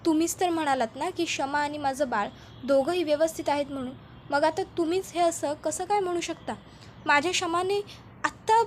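A woman's voice: high-pitched, steady tone, brisk, a little mellow, a little hiss or hum, natural voice. A woman doing a frantic grieving young father. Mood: grieving, pleading. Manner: pleading, frantic repetition. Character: grief-stricken man, a widowed new father.

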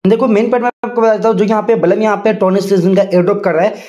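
A man's voice: high-pitched, steady tone, racing, dark tone. Insistent chatty man explaining on screen. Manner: chatty, repeats filler phrases, mixes in English words; insistent, direct address to viewers. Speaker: crypto YouTuber. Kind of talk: casual screen-walkthrough explainer.

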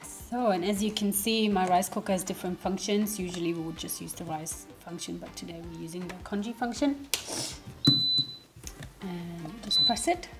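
Background music accompanies a woman with a fairly low voice as she chats at normal speed through a home cooking demo. A native German speaker and vlogger, she is sniffly with a cold, filming indoors in her kitchen.

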